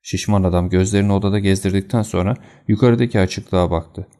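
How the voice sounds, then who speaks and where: A man narrating an audiobook in a steady, even storytelling manner. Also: deep voice, quick pace. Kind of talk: scripted narration.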